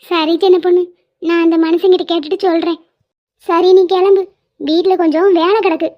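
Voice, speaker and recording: A woman's voice: very high voice, little pitch movement, moderate pace. A woman voicing a worried working-class mother in a cartoon. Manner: earnest, weary, worried. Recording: dull lo-fi sound.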